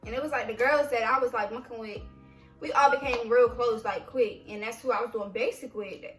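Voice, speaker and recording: A young woman vlogger telling a story in a casual, animated way, full of "like" fillers. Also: a little high, fairly quick. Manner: animated, many "like" fillers, acts out quoted voices. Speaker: vlogger, army veteran recounting basic training. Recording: roomy, distant mic, faint music.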